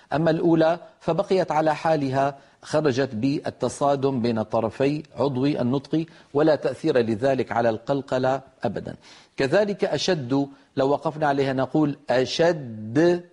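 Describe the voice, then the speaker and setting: In a televised lesson, a man teaches the rules of Quran recitation, explaining step by step in a measured way and slowly demonstrating pronunciation. His voice is mellow and medium in pitch.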